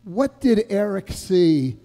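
A man's voice: sits high, big pitch swings, slow pace, dark tone. A male pastor preaching a sermon in a church, telling a story earnestly and asking the congregation questions. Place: church sanctuary. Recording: long church reverb.

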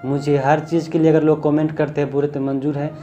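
Heartfelt Hindi-speaking vlogger dad, dark voice. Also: male voice, fairly high pitch, little pitch movement, fairly quick, dull audio. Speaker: vlogger, father. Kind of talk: emotional family vlog talk.

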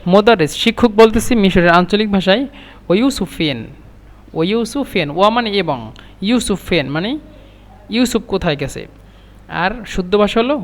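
A man teaching Arabic phrases, repeating each phrase slowly and then translating it. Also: high-pitched, in a large hall.

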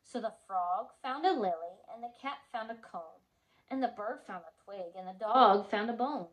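A woman preschool teacher at home reading a picture book aloud to children, animated and gasping with chatty asides. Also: mid-range voice, normal speed, rough recording.

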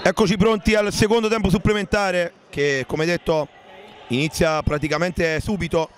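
An Italian man giving breathless, excited live futsal commentary, shouting out the goal calls. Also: sits high, moderate pace. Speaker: sports commentator. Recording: noisy sports hall ambience.

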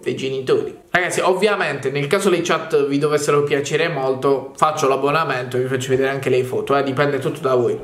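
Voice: medium pitch, fairly even intonation, brisk, few pauses, reverberant. A YouTuber reading horror chats who makes joking, laughing asides to the viewers. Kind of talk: joking commentary on a chat story.

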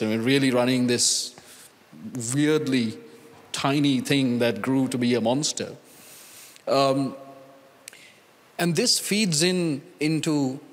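On the stage of a large, reverberant conference hall, a Sri Lankan man who is a data scientist speaks as a panelist into a handheld mic. His medium-pitched delivery is earnest and deliberate, marked by pauses and restarts.

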